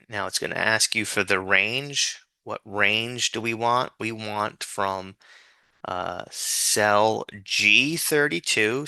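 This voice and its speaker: A man's voice: on the low side, gravelly, bright, forceful tone, smooth, no room sound. A man giving an informal, patient step-by-step spreadsheet tutorial, dictating things piece by piece as an instructor. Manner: dictating formulas piece by piece, spelling out letters and symbols.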